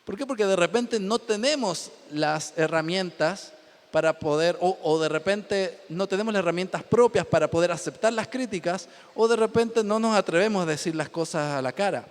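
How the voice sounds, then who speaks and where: A pastor from Chile preaching a humorous sermon from the pulpit, joking, laughing often and repeating himself for emphasis. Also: male voice, sits high, normal speed. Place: church pulpit. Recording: reverberant church hall.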